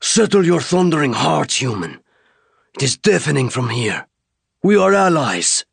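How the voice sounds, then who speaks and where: A hulking alien soldier, who barks in heavily accented English. The voice is loud, pitched well above the narrator's own, and strained in timbre. The read is dry and close, with a stern, scolding edge. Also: male voice, sing-song, unhurried, gravelly, husky, no room sound, exaggerated voice. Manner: heavily accented, barking, formal. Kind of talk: audiobook character voice.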